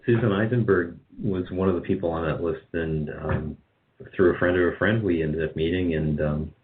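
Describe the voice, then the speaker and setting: Over muffled, band-limited call audio, a radio drama producer chats casually as an interview guest. His low-pitched voice stays fairly even at a normal speed while he thinks aloud in a hesitant, rambling way.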